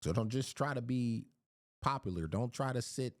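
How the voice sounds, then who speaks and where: A man's voice: mid-range voice, expressive, moderate pace, no echo, studio quality. A man from Philadelphia giving a casual Bible teaching, often repeating words as he searches for his phrasing.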